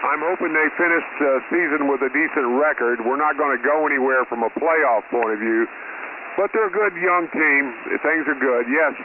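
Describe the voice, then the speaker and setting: A man with a fairly high voice checks in marine radio style, using procedural sign-offs. The two-way link is thin and phone-like, with plain hiss around him. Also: normal speed. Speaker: amateur radio operator checking in. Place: at home. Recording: narrow, hissy radio link with static.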